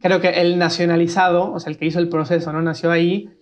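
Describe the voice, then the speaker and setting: A man with an Argentine accent, co-hosting a podcast in casual chat and explaining things quickly, with restarts and fillers. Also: a little high, little pitch movement. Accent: Argentine Spanish. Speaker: podcast co-host.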